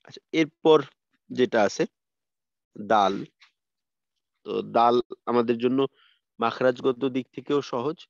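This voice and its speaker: A man's voice: medium pitch, slow pace, long pauses, no echo, muffled recording. A man teaching a tajweed lesson over a video call, patiently repeating letter sounds for his students to copy. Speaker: Quran recitation teacher.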